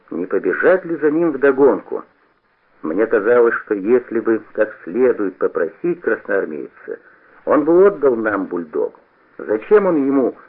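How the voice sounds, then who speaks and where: Husky male reader on an old radio. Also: medium pitch. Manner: expressive storytelling. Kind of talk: scripted narration. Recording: tinny old radio broadcast.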